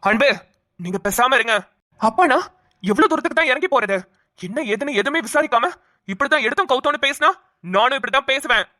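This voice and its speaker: A woman's voice: sits high, expressive, a little fast, pushed and bright, no echo, clean studio sound. A woman voicing an earnest young husband in a cartoon, who reassures his bride and defies his father. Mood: defiant. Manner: reassuring, then defiant. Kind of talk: cartoon voice acting.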